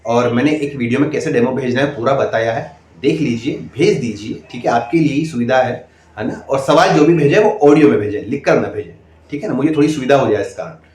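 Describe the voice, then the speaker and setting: A man's voice: medium pitch, brisk, a little mellow. A man coaching interview candidates in speech, emphatic and repetitive, often asking "okay?". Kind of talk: direct-to-camera coaching talk. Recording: echoey room.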